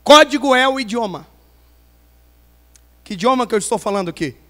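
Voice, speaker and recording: A man preaching a pentecostal sermon, playful and storytelling, swinging from loud emphasis to quiet asides in a large church hall. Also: extremely high pitch, animated, fairly quick. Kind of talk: pentecostal sermon with humorous stories. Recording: long hall reverb.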